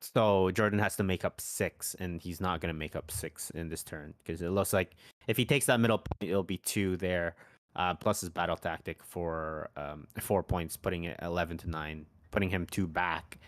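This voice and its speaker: Male co-commentator, low voice, dry close sound, casual and halting. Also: no echo. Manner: relaxed, hesitant, many ums and restarts, laughs easily. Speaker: tournament commentator. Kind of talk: casual live game commentary.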